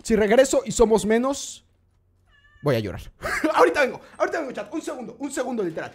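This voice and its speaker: A live gaming streamer commentating excitedly, often shrieking at the game and constantly talking to the chat. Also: mid-range voice, quick pace, background noise.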